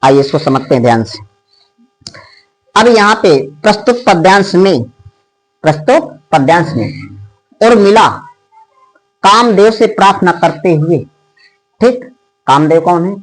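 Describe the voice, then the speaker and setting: High-voiced man teaching Hindi poetry. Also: lively intonation, soft background music, rough recording. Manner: explains line by line, asks students questions, says "ठीक" often; chants the poem lines slowly and loudly in a sing-song. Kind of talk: exam-prep poetry lesson.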